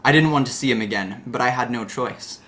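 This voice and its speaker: A man's voice: mid-range voice, a little fast, a bit bright. A man giving a hammy, theatrical dramatic reading of a story, like a stage actor. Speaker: reader of a story.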